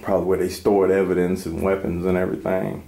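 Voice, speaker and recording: Urban explorer, male, very deep voice, relaxed street-talk narration. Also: quick pace, vocal fry, reverberant. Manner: laid-back, streetwise, swears casually. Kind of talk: casual walk-through narration. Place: indoors in an abandoned police station.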